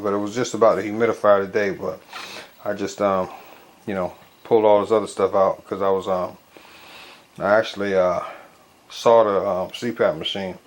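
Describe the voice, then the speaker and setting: With a congested, gauze-packed-sounding nose, a lowish-voiced man talks casually and haltingly in a home product video review filmed in his bedroom. He rambles colloquially with frequent verbal tics, and the noisy recording carries clear background noise.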